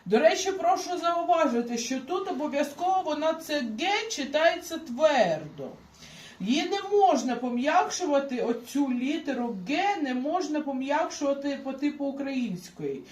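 A woman teaching a beginner language lesson, explaining slowly and patiently with examples. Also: high-pitched, darkish tone, roomy sound.

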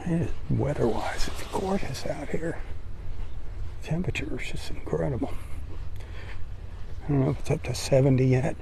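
An older man giving relaxed, admiring commentary on a live-streamed beach walk, recorded outdoors on a phone he carries. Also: mid-range voice, normal speed, gravelly, pauses often, a little hiss or hum. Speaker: vlogger walking the beach. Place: outdoors on a sandy beach by the sea. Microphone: phone held while walking.

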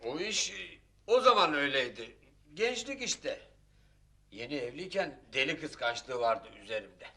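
An actor playing a gruff, blunt father who has been drinking. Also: fairly high pitch, sing-song, measured pace, pushed and bright, full character voice. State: drunk. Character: Zekeriya, gruff drunk father. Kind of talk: TV comedy-drama acting.

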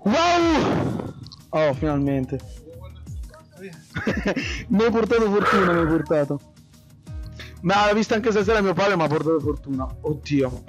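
Hoarse racer, high voice over faint music, euphoric and swearing. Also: male voice, sing-song, measured pace, long pauses, poor audio. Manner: euphoric, shouting, swearing, repeating phrases. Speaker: sim racing driver. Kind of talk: excited voice chat after a race.

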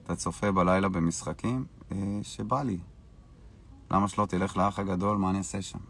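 A man with a very deep, gravelly voice hosts a live stream, answering viewers' questions in a loose, casual way. He sounds brash and boastful and brushes off critics. His low, rough voice fits his dismissive tone. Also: steady tone, a bit bright, a little hiss or hum.

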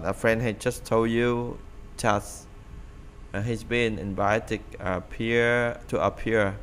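Low-voiced man teaching English phrases. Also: a bit bright, slight background noise. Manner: repeats phrases, reads English examples aloud. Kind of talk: casual English lesson explained in Vietnamese.

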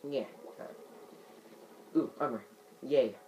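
A man narrating his own gameplay in a let's play, talking slowly and at a middle pitch. He mutters to himself as he plays, with a faint hum of ambience underneath. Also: warm tone, rough recording. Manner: muttering to himself while playing. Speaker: gamer.

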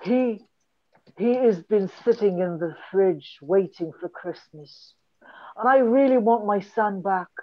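A woman acts an earnest cabbage mother leading a support meeting. She speaks slowly at a middle pitch, over slightly dull video-call audio, in puppet improv. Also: lively intonation.

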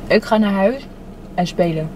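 A woman's voice: medium pitch, moderate pace. A young woman chatting casually with a child, chewing and eating as she talks. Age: young adult. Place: inside a parked car. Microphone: camera on the dashboard. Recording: clear background noise inside car.

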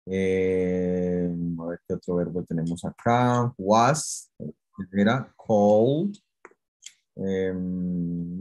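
A man's voice: low-pitched, a little mellow. A man teaching English to Spanish speakers in an online class, explaining patiently, step by step, with many fillers.

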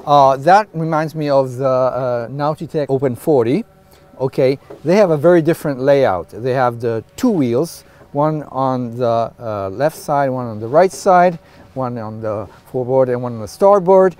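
Wearing a lapel mic, this middle-aged host reviews a boat in an outdoor interview on a catamaran deck. He's relaxed and chatty, leaning on lots of fillers, and speaks at a measured pace in a mid-range voice.

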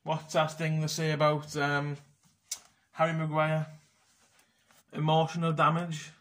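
A man's voice: fairly high pitch, monotone, measured pace, fairly bright tone. A young man ranting casually about football selections, blunt and sweary. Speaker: football fan vlogger.

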